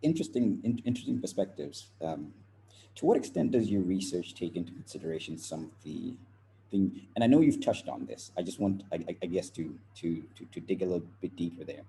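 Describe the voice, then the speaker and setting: A man's voice: deep voice, lively intonation, brisk, gravelly, mellow, slight background noise. A young man from Zimbabwe, a student interviewing a professor, speaking hesitantly with many fillers.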